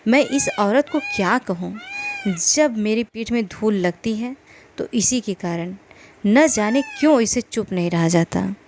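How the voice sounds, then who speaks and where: A woman's voice: medium pitch, lively intonation, unhurried, darkish tone, a little hiss or hum. A woman narrator voicing a restrained, weary middle-aged farmer who speaks firmly. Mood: stern. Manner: firm, stern.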